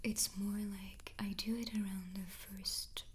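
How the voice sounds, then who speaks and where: A woman doing a whispered ASMR chat in a soft, playful, chatty way. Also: medium pitch, flat delivery, slow pace, heavy background noise. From France. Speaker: ASMR creator and host.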